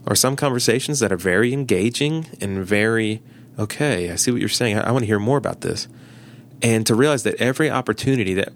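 Telling stories animatedly on a casual podcast, the pastor voices the people he quotes as if acting them out. His pitch is fairly low, and there's a little background noise.

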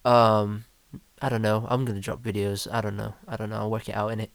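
A man's voice: fairly low pitch, level tone, a little fast, vocal fry, no echo. A young man, chatting casually and slangily as a podcast host, often repeating phrases for emphasis. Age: young adult. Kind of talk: casual chat.

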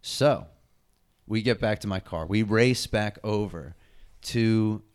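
A man's voice: lowish voice, takes it slowly, smooth. A man casually telling a long story on a podcast, swearing constantly and saying "dude" and "bro". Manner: profane, animated storytelling with lots of "dude" and "bro". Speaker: podcast co-host.

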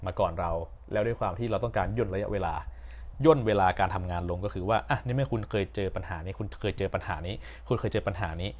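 A man's voice: fairly low pitch, fast talker, darkish tone. A young man hosting a podcast, telling a personal story in a casual, rambling way with fillers and self-corrections. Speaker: podcast host.

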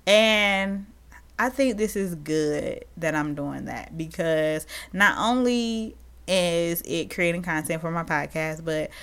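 Chatty low-voiced woman podcast host. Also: slow pace, fairly bright tone, clear, resonant tone. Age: adult parent. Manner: chatty and encouraging, addresses listeners as y'all. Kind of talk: casual solo podcast talk.

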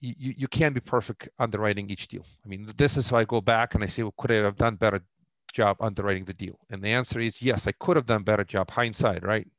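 A low, gravelly man with a Russian accent talks about investing as a podcast guest. He speaks haltingly, restarting phrases often. The sound is dry and close. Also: steady tone, fairly bright tone, no echo. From former Soviet Union. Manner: halting, many restarts and fillers. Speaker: real estate investor guest. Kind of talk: podcast interview.

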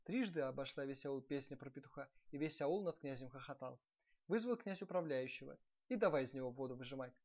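A man hosting a podcast, reading a bedtime fairy tale in a lively, expressive way. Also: medium pitch, fairly quick. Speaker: podcast host and storyteller. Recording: dull lo-fi recording.

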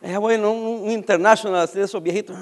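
A man's voice: high-pitched, fast talker. A middle-aged man with a Mexican accent telling a casual work anecdote, acting out the dialogue and laughing as he goes. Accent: Mexican Spanish. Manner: animated, acts out dialogue, laughs while telling. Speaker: storyteller.

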